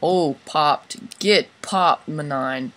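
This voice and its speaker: Joking young gamer man, slow talk. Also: on the high side, bright, forceful tone. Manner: joking, chants "bruh" over and over. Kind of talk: casual gaming chat.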